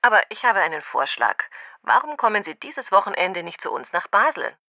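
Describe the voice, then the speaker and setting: A woman's voice: mid-range voice, very animated, fairly quick, creaky, pushed and bright, no room sound, muffled recording, heavily acted. A woman playing a helpful, businesslike restaurant manager in a language-course dialogue, speaking courteously.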